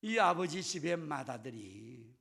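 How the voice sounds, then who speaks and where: A man preaching a sermon as pastor, dramatic, swinging between loud bursts and whispers and asking the congregation questions. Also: a little high, big pitch swings, measured pace, vocal fry, slightly rough, in a large hall.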